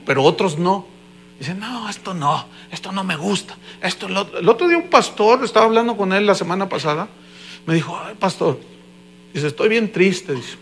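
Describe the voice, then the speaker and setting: A pastor with a Mexican accent preaching a sermon, telling a story with loud emphasis and hushed asides. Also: male voice, high-pitched. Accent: Mexican Spanish.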